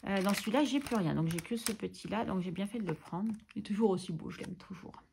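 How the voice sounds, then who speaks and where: A woman's voice: mid-range voice, quick pace, creaky, darkish tone, slight background noise. A French woman vlogging about her budget, chatting casually and teasing herself while she works, a little under the weather. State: coughing, a bit ill. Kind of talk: casual chatty voice-over while doing crafts.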